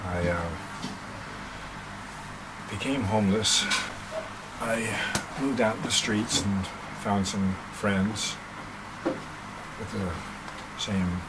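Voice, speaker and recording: A man from Kansas with a deep voice speaks slowly and haltingly. Loud noise runs under everything he says. His account comes out in short pieces. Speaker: interviewee.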